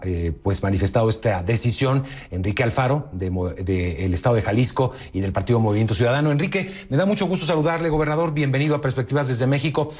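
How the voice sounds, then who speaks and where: A man's voice: mid-range voice, a little mellow. A man hosting a television news interview, asking polite, formal questions. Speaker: news anchor.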